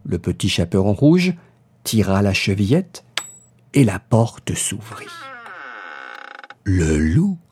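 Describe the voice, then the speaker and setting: Slow, lively storybook narrator, a man. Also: on the low side, breathy edge. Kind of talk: reading a fairy tale aloud. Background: soft music.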